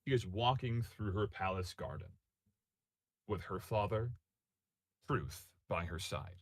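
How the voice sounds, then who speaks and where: Low-voiced game master, lively narration. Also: male voice, no echo. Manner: halting, self-correcting narration.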